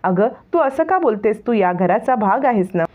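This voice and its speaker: A woman's voice: medium pitch, animated, moderate pace, close to an everyday voice. A woman doing a sweet-talking, coaxing young woman. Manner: coaxing, soft-spoken. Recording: tinny phone-like sound.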